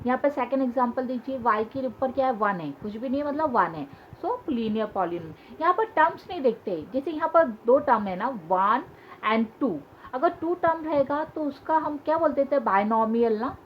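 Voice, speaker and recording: A woman's voice: high-pitched, animated, moderate pace. A woman teaching a school maths lesson, patiently repeating key points and asking questions as she explains. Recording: dull lo-fi sound with faint hiss.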